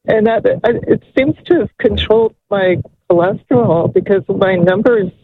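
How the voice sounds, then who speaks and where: A woman phones a radio show with a casual, polite question. Her voice is somewhat husky and she speaks hesitantly. The line is thin and telephone-narrow. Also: mid-range voice, moderate pace, no echo.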